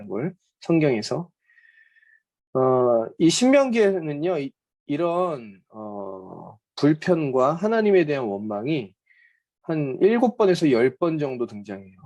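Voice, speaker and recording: A man's voice: a little high, dark tone. A man teaching a Bible overview lecture in a conversational way, with frequent hesitant fillers. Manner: conversational, often acts out quoted speech.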